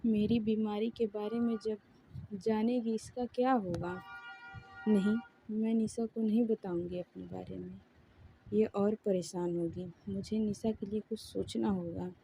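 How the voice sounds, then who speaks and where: A tender, worried middle-aged mother, voiced by a woman storyteller. She comforts gently in a mellow, warm tone of middling pitch. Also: steady tone, a little slow, gravelly, slight background noise, poor audio.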